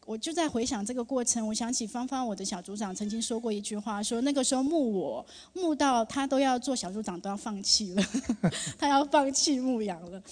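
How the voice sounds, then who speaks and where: A woman's voice: on the high side, darkish tone. Earnest woman sharing testimony in a reverberant hall. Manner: earnest, emotional, halting with frequent fillers. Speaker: church member giving testimony. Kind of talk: personal testimony to a congregation. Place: church sanctuary. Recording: long reverb of a large hall.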